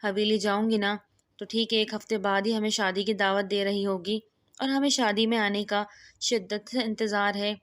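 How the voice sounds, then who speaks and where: A woman's voice: mid-range voice, fairly even intonation, natural voice. A woman reading the lines of a young woman comforting her friend in a storybook, soothing and reassuring.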